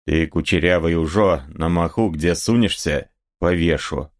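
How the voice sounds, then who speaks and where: A man doing a gruff blunt cossack. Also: sits low, a little slow.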